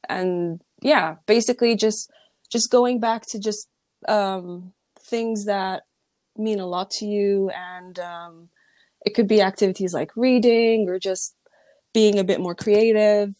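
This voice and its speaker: Relaxed young woman with a dry sound. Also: medium pitch, slow pace, no room sound. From Middle East or North Africa. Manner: relaxed and reflective, with many ums and likes. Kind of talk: casual chat.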